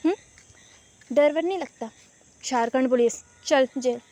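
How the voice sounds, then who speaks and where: Girl doing a bossy cop voice, mocking and gruff, high-pitched since she's the one putting it on, storytime vlog. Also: a little slow, warm tone. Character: gruff male cop scolding a student.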